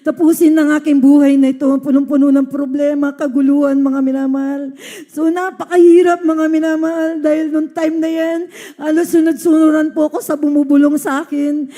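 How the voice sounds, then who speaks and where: A woman's voice: sits high, flat delivery, fairly quick, warm tone. A woman from the Philippines giving an earnest testimony to a church congregation, often addressing her listeners as beloved.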